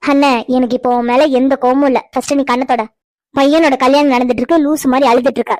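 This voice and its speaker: A woman's voice: high-pitched, fairly even intonation, quick pace, a little mellow, lightly acted. A woman voicing a grown sister in a cartoon, who scolds and teases her brothers with affection. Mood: scolding. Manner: scolding, teasing. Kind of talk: cartoon voice acting.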